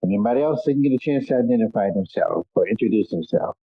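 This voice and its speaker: Talking fast with lively intonation and a breathy edge, a man with a lowish voice hosts a casual call-in show, rambling with frequent "um"s. He sounds congested and a little nasal, and the recording is a dry, tinny phone or conference-call line.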